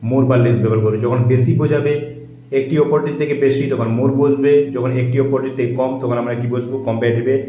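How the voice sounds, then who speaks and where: A man teaching a grammar lesson. He asks questions and answers them himself, repeats his points, and reads example sentences slowly and carefully. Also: mid-range voice, fairly even intonation, warm tone, lo-fi sound. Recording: echoey room.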